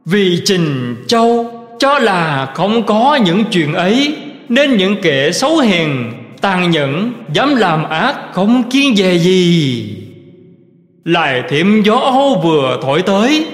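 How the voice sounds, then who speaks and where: A man giving a slow, measured recitation of Buddhist teachings in a scripted reading style. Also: high-pitched, sing-song. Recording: roomy recording with long reverb.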